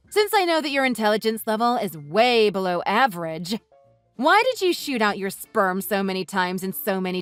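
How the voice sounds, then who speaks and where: A woman voicing a furious wife who mocks and cuts into her in-laws with sarcasm, over soft music. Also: a little high, dry recording. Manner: sarcastic, cutting, mocking. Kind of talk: read-aloud text-message story. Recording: dry voice with soft music underneath.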